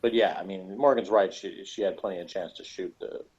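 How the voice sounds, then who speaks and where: A man speaks as a panelist in a casual group review of a TV episode, sarcastic and joking. His voice is low-pitched, a little mellow and a little fast, and the recording is dull and lo-fi.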